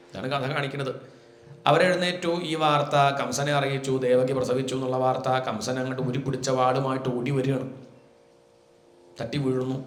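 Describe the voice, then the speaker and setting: A man's voice: medium pitch, roomy sound. Man chanting and explaining scripture. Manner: storytelling exposition with slow chanted Sanskrit verses. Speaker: Bhagavatam teacher. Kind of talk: devotional scripture discourse.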